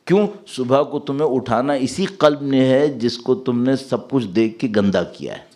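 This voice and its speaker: Animated preaching male cleric. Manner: animated preaching, rising to emphatic peaks and dropping to soft low asides; mixes English words into his preaching and recites Arabic verses slowly. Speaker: Shia cleric giving a Muharram majlis. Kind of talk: sermon.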